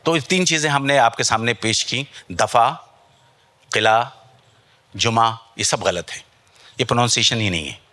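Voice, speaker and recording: A man teaching a masterclass to a live audience, explaining and correcting word pronunciation and repeating words slowly to demonstrate them. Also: medium pitch, pushed and bright. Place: festival stage before an audience.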